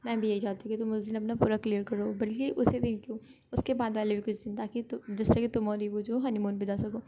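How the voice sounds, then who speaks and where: A woman's voice: mid-range voice, little pitch movement, quick pace, background noise, lightly acted. A woman voicing a cheerful, doting middle-aged mother in a retold fan story, chattering eagerly.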